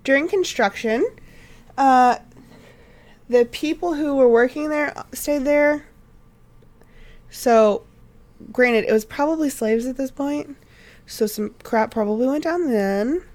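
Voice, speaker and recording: High-voiced woman telling a podcast story. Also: slow pace, long pauses, a little mellow. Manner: reads notes with frequent "uh" and "um", easily sidetracked into laughter. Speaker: podcast co-host.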